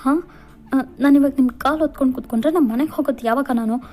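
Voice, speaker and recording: A woman's voice: high-pitched, fast, darkish tone, soft background music, pitched above the performer's own voice, natural voice. A woman voicing a flustered, stammering college girl. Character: flustered young female college student, anxious and apologetic.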